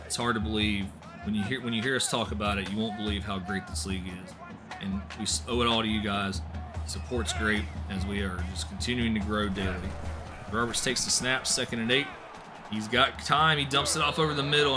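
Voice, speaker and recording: Excitable male game commentator over music. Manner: excitable, voice jumps high and loud on big plays. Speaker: play-by-play commentator for an esports football league. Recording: music playing behind the voice.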